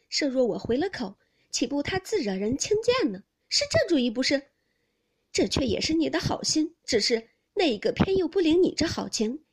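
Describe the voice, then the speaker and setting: A woman reading a classic novel aloud, voicing a sharp-tongued, touchy young noblewoman whose reproaches climb high. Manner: reproachful, pitch climbs steeply.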